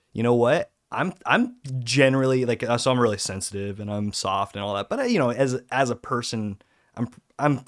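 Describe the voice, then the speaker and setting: A man's voice: on the low side, dry recording, clean studio sound. A young man co-hosting a fitness podcast, chatting casually and joking around, now and then mimicking others in a whiny voice. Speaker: podcast co-host.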